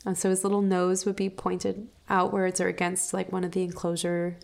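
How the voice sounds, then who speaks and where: A woman with a fairly low voice and a strong vocal fry talks in a casual, rambling way. She feels her way through sentences, restarting and leaning on filler words, as mouse clicks sound in the background. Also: monotone, a little mellow. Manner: halting, thinking aloud with frequent "like" and trailing restarts. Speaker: hamster owner and podcast or vlog host. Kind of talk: casual personal chat, rambling.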